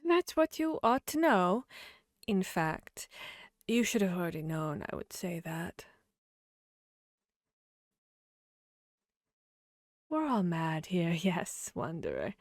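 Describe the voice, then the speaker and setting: A sly, grinning Wonderland cat, acted by a woman for an ASMR audio roleplay. The creature drawls very slowly, teasing and fickle, as if every sentence were a riddle. The sound is close and dry. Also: lowish voice, big pitch swings, dry recording. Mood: soothing, mischievous. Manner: slow, playful, riddling drawl.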